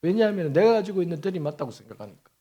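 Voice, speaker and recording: Fifties male pastor, fairly high voice, animated emphatic sermon delivery. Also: very fast, dull audio. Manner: storytelling with lively acted quotes and laughter.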